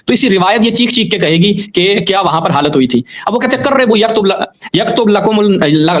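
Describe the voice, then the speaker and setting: A man arguing his case in a religious debate, insistent and pressing, reciting Arabic quotations at a steady clip. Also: high voice. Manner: insistent, argumentative, quotes Arabic texts. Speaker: debate guest.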